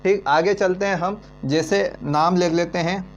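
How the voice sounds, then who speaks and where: A man teaching an online lesson, talking slowly and answering his own questions as he goes. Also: sits high, fairly even intonation. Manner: slow, repeating, asks then answers himself. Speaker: Hindi teacher. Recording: dull lo-fi with mains hum.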